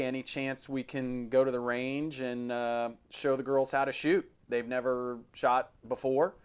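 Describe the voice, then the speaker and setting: A middle-aged American podcast host, his voice medium in pitch and clean, chats casually about firearms. His style is relaxed and talkative, with a jokey, wry edge.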